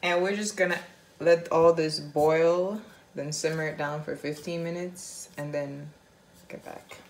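A woman's voice: sits low, fairly even intonation, a little slow. A woman giving a casual cooking demonstration in her home kitchen, chatting offhand while she measures. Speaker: cooking vlogger. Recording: loud kitchen clatter of dishes and utensils.

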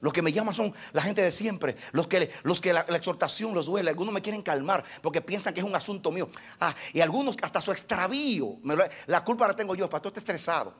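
A man in his fifties preaching an impassioned sermon as pastor, swinging from low intense speech to shouted exhortation. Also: fast, few pauses, husky. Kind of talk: fiery sermon.

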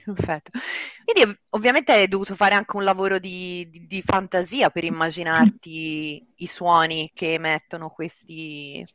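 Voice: medium pitch, steady tone, moderate pace, fairly bright tone, clear, resonant tone, no echo. The host of a live stream, asking questions in a friendly, chatty way from a home setup. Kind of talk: casual live-stream interview.

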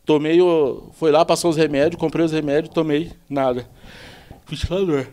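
A man from the São, a truck driver appearing as a podcast guest, tells a long personal story in a casual chat, quoting what people said. His retelling rambles and is animated, full of quoted dialogue. His voice is a little high and his pace moderate.

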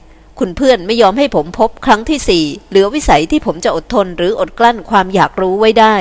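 A woman's voice: mid-range voice, expressive, fairly quick, a little mellow, close to an everyday voice. A woman reading the part of an earnest young man who pleads to be heard. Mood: pleading.

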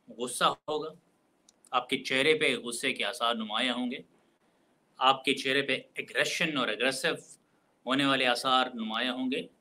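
In a recorded university lecture, a man explains things carefully, mixing in English phrases and slowing down to stress key words. His voice is medium in pitch, bright and forceful, and the recording is rough.

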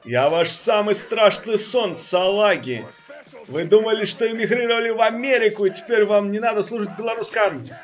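A man's voice: sits high, brisk, close to an everyday voice. A man voicing a bullying, foul-mouthed army drill sergeant who barks commands and insults in a comic parody dub. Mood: menacing, scornful.

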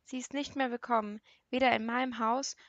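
A woman's voice: on the high side, steady tone, brisk, dry recording, lo-fi sound, close to an everyday voice. A woman reading the lines of a distraught middle-aged father, voice broken and tearful as he pleads.

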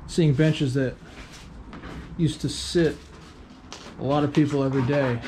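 Here the urban explorer vlogger's voice sits fairly high, with fairly even intonation and a measured pace. He casually narrates his walk through a derelict train station, thinking aloud and indicating what he sees, over a noisy background.

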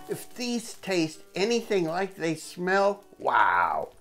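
A man's voice: high voice, huge pitch swings, drawn-out words, a bit bright, faint music behind. An older man hosting a casual home cooking video, chatty and enthusiastic, talking from his kitchen.

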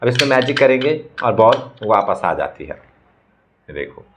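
A man who is a magician, briskly showing and explaining magic props one after another in a casual demo. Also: mid-range voice, big pitch swings, a bit bright, slight background noise. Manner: brisk, talking props through each trick. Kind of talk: casual product demonstration.

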